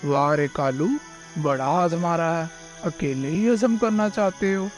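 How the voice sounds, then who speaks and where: A man voicing a scheming, hot-tempered male thief bird who is a father, in a gruff, threatening manner. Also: fairly high pitch, measured pace, lightly acted. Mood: gruff scolding. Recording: faint music behind the voice.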